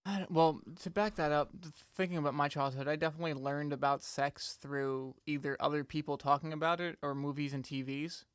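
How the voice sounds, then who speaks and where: A man's voice: a little high, fairly even intonation, fairly quick, hardly any pauses, clear, resonant tone, no echo, studio quality. A man in his twenties co-hosting a podcast, talking loosely and candidly, with some swearing. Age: 20s. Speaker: podcast co-host. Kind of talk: casual chat.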